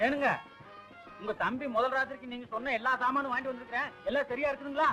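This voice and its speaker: An actor playing a polite, chatty village servant in a film comedy. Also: male voice, extremely high pitch, fairly even intonation, rapid-fire, pushed and bright, muffled recording, soft background music. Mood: deferential. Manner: polite, pleading. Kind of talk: 1980s film comedy acting.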